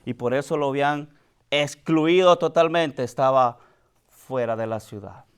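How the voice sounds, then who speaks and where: A man preaching a sermon, speaking to the congregation as brother, swinging from high, loud questions to soft, quiet lines. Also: unhurried, clear, resonant tone. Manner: addresses the congregation directly as brother.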